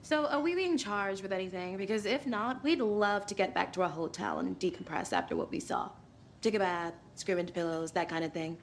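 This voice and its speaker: Brief: sardonic female true crime writer in a game, dry and wry, gravelly tone. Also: mid-range voice, sing-song, brisk, a little hiss or hum. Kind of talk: video game dialogue.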